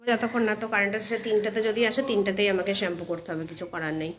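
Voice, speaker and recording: A woman's voice: medium pitch, fairly even intonation, fast talker, a little hiss or hum. A woman, a mother chatting casually to viewers in a home vlog and often checking in with them. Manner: chatty, addresses viewers with frequent check-ins. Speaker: family vlogger and mother.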